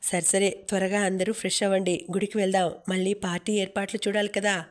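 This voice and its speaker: A woman's voice: mid-range voice, little pitch movement, fast talker, close to an everyday voice. A woman voicing a cheeky, joking young man in an audiobook.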